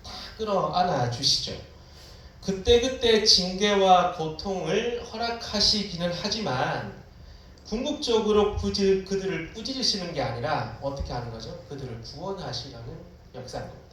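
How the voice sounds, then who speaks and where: A man's voice: high voice, expressive, moderate pace, fairly bright tone, recorded from a distance, a little hiss or hum. Echoey preacher man calling out to students. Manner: preaching to students, mixes casual and formal speech, cries out prayers dramatically. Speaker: pastor. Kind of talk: sermon.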